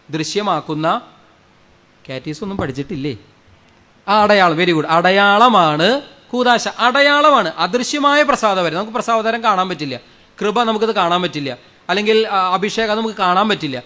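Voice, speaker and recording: A high-voiced male priest preaches fervently at normal speed, pausing often. Addressing a congregation in a church or prayer hall, he repeats phrases, asks questions, and shifts between loud and soft.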